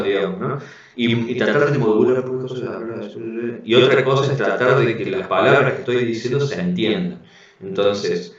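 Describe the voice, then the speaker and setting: A man with a Rioplatense Spanish accent giving an online class, explaining calmly and often checking in with tag questions, heard over a video call. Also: fairly low pitch. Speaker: instructor. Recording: very echoey, dull lo-fi audio.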